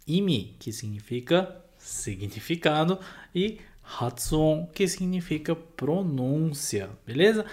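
A man teaching an online language lesson, his voice sitting a little high and swinging widely in pitch. He keeps checking in with his listeners and says his examples over slowly and clearly. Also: darkish tone. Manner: checks in often with tag questions, repeats example phrases slowly. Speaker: Japanese teacher.

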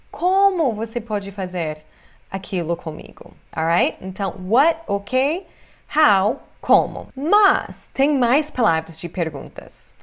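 A woman who speaks as her teaches English in an online lesson, repeating each phrase slowly so it can be copied. Her voice sits a little high and swings widely in pitch as she acts out question words with big gestures. Her pace stays unhurried throughout.

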